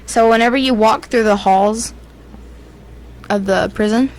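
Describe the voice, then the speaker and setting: A young woman with a Southern US accent co-hosts a podcast, casually swapping ghost stories in an informal, hesitant way. Her voice is fairly high and a little slow, and the audio quality is poor.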